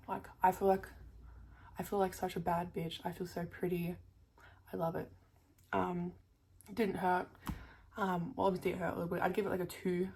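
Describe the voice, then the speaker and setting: A woman's voice: on the low side, gravelly, breathy edge. A young woman chatting casually to camera as a vlogger, full of fillers and casual swearing, her speech a little thick from a new tongue piercing.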